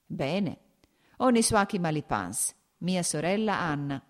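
A woman's voice: lowish voice, very animated, slow. A woman reading the lines of a jovial, sociable nobleman in an audiobook, in a hearty, exclaiming manner. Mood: chatty.

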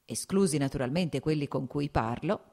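A woman reading the lines of a young aristocratic officer in an audiobook, relaxed and lightly amused. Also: low-pitched, normal speed.

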